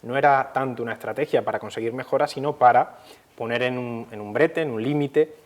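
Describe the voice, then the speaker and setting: This is a man working as a history commentator, giving an unscripted, measured and didactic historical explanation at a middling pitch. Hesitations are common, and he tends to repeat a word before carrying on.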